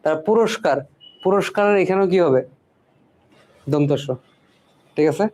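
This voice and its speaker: A male teacher walks students through a spelling lesson. His voice is mellow and dark in tone and pitched a little high for a man. He repeats each word several times and keeps checking in with his listeners. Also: normal speed. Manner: repeats words and keeps asking "ঠিক আছে?".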